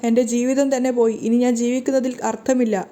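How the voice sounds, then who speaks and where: A woman's voice: on the high side, level tone, brisk, dark tone, close to an everyday voice. A woman voicing a betrayed middle-aged wife in a wheelchair, pleading in grief. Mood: grieving.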